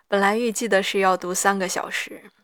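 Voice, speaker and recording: Woman, hoarse gravelly creaky voice, unhurried halting delivery, reflective solo audio diary, dry close sound. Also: mid-range voice, steady tone, fairly bright tone, no room sound. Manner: halting, reflective, pausing mid-sentence. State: hoarse after an hour of reading aloud.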